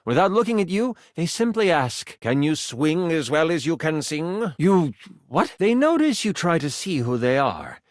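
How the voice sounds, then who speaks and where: A male actor voices an excitable, earnest twenty-sided die come to life, an eager game master running fantasy tabletop games. His voice sits on the high side at normal speed, recorded dry with studio quality. He's expressive and playful, shifting into grand storyteller phrasing for dramatic, theatrical fantasy game narration.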